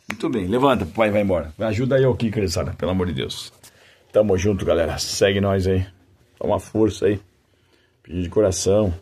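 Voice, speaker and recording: Deep-voiced man cooing at his dogs. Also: warm tone, husky. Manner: coos in fond baby talk to his dogs; folksy and devout, often blessing viewers. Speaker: dog breeder. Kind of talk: casual vlog talk to dogs and viewers.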